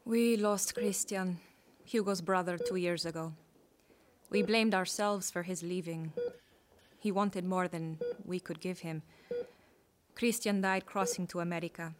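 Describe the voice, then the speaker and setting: An actress playing a grieving mother in an audio drama, speaking softly and steadily to console someone. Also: on the low side, steady tone, unhurried, a little hiss or hum, lightly acted. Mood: grieving, gentle.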